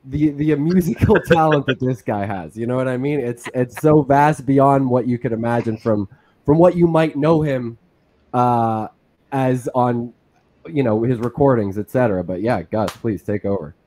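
A man's voice: mid-range voice, moderate pace, dark tone. A man co-hosting a casual video call, enthusiastic, swearing and laughing as he talks. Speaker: co-host.

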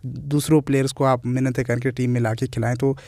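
A man's voice: mid-range voice, flat delivery, quick pace, mellow, no room sound, studio quality. A man with a Pakistani Urdu accent giving opinionated cricket commentary in a channel vlog, talking in short listed phrases with English words mixed in.

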